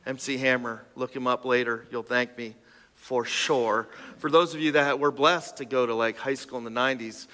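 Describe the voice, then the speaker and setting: A man in his thirties preaching a casual sermon, joking and restarting, then building to loud emphatic passages. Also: medium pitch, steady tone, moderate pace. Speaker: pastor. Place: church auditorium. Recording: long hall reverb.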